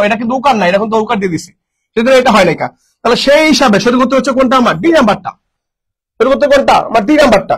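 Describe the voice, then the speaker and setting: Young man, exam-prep tutor. Very high, quick delivery, repeats key words and answers his own questions. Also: husky, low-quality recording. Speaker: teacher.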